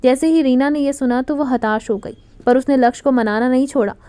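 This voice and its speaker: A woman with a high, mellow voice narrates a romantic story expressively. The recording is dry and close, with no room sound. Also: brisk, smooth, dry recording. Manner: expressive, dramatic reading.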